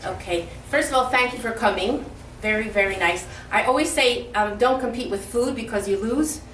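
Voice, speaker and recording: An older woman from Detroit, Michigan, gives a lively, humorous, heartfelt public speech as a guest speaker at a community event. Her voice is a little high and moderately paced, heard from far off in an echoey hall with faint noise.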